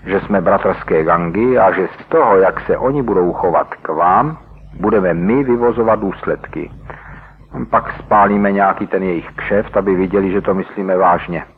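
A man's voice: low voice, breathy edge. A man voicing a tough young male gang leader who speaks in a brash, commanding way, heard over a tinny radio broadcast.

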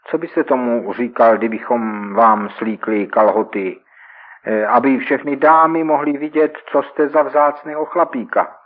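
A man's voice: mid-range voice, steady tone, few pauses, lightly acted. A man voicing a brash young male street robber in a radio reading, taunting and mocking. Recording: tinny old radio recording.

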